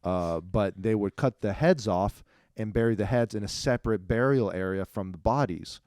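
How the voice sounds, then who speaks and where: A young man co-hosting a casual faith podcast, talking in animated bursts and laughing often. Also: fairly low pitch, moderate pace, dry recording, clean studio sound. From Ukraine. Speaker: podcast co-host. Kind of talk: casual chat.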